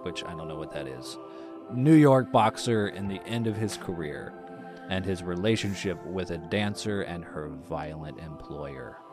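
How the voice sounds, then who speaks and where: A man co-hosting a casual film podcast, rambling with many fillers and letting his sentences trail off quietly. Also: deep voice, expressive, measured pace, music in the background. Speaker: podcast co-host. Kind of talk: casual film review chat.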